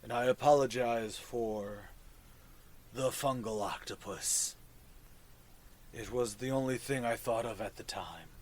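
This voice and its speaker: A man voicing a gentle, grateful mushroom creature leader in a tabletop game, speaking softly and courteously with a hushed, muffled, solemn delivery. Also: medium pitch, a little slow, pauses often, pitched below the performer's own voice, close to an everyday voice. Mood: grateful, apologetic.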